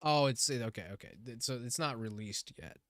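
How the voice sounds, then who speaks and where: A man live-streaming a game, chatting excitedly and laughing often, his voice going hoarse. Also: mid-range voice, moderate pace, no echo, clean studio sound. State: hoarse from talking. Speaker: gaming livestreamer. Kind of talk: casual live-stream chat. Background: game music.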